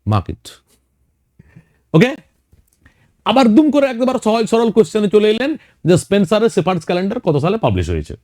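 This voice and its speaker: Lively male teacher. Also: high-pitched, a little fast, pauses often, dry recording, clean studio sound. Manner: explains questions one by one, addressing students directly. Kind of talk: exam prep lecture.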